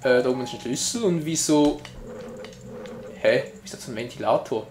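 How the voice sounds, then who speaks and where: A man's voice: mid-range voice, normal speed, a little mellow, roomy sound, slight background noise. A man giving casual, jokey gameplay commentary as a let's player, chatting to his viewers.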